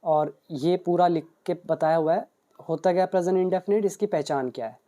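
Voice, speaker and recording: Man, English teacher, book walkthrough, deep mellow timbre, methodical explaining. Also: fairly quick. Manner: explains step by step, reads out Hindi and English examples.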